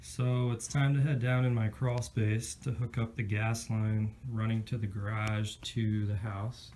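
A man's voice: on the low side, little pitch movement, measured pace, a little mellow, a little hiss or hum. A man casually narrating a do-it-yourself gas heater install, explaining each step in a plain, matter-of-fact way on a handheld camera. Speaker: DIY vlogger. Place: pole barn, roof and crawl space.

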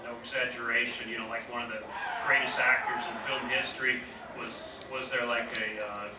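A man's voice: mid-range voice, little pitch movement, normal speed. Hesitant man asking from the floor. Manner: hesitant, full of fillers. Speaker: audience member asking a question. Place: large convention hall. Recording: echoey hall, far mic, loud noise.

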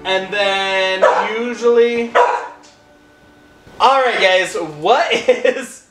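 A man's voice: high voice, very slow. A man running a family question-and-answer chat and coaxing answers with questions. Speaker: parent asking family Q&A questions. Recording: roomy room with music behind.

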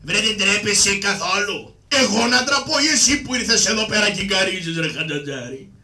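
Man doing a cheeky puppet trickster, high piercing voice, brash yelling, roomy and distant. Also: lively intonation, full character voice. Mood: mocking. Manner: brash, yelling, wailing exclamations. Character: Karagiozis, poor cheeky mocking male shadow-puppet trickster. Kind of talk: traditional shadow puppet theatre. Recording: roomy sound from far off.

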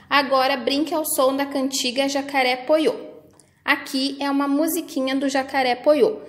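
With a high voice and a reverberant sound, a woman with a Brazilian Portuguese accent teaches preschoolers. She leads them through their workbook slowly and patiently, in a sing-song style.

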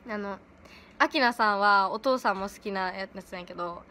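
A teenage girl with a chatting casually on a livestream from home, giggly and quick to laugh. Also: mid-range voice, sharp tone, a little hiss or hum. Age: late teens. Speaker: idol livestreaming to fans. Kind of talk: casual livestream chat reading comments. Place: at home in pajamas.

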